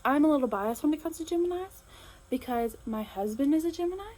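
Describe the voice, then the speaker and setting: Chatty enthusiastic woman host, slightly high. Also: lively intonation, a little fast, dark tone, low-quality recording. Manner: enthusiastic, chatty, frequent fillers. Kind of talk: casual chat to camera.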